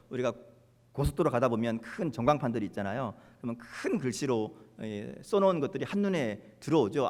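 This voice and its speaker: A man's voice: medium pitch, a little mellow. Male pastor preaching in a reverberant church. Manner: conversational preaching, quoting prayers with rising emphasis. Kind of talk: sermon. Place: church sanctuary. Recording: long hall reverb.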